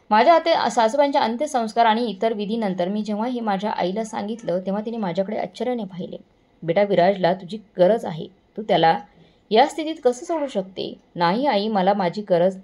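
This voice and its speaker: A woman's voice: mid-range voice, vocal fry, darkish tone. A woman narrating a first-person moral story in an earnest, somber way, sometimes correcting herself.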